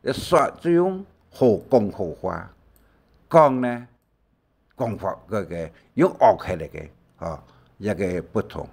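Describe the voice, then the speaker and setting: An older man giving a slow language lesson, drawing out his explanations with many fillers. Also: fairly low pitch, animated, creaky, darkish tone. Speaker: teacher.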